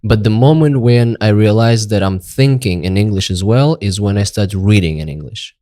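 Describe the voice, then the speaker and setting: A man's voice: fairly low pitch, normal speed, dark tone. A man hosting a podcast, asking questions and chatting casually with his guest in an upbeat, friendly way. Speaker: podcast host. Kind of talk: casual interview chat.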